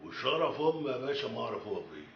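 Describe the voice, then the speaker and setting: An actor playing a gruff, commanding neighborhood boss, with an Egyptian accent and a blunt way of talking. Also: male voice, medium pitch, big pitch swings, fast, a little hiss or hum. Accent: Egyptian Arabic. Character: gruff middle-aged male neighborhood boss. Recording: dull film soundtrack.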